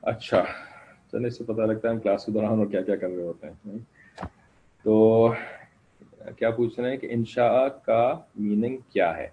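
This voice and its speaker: A man teaching an online class, explaining slowly and checking in with his students again and again. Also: fairly low pitch, steady tone, lo-fi sound, a little hiss or hum. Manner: slow explanatory, keeps asking "ٹھیک ہے نا".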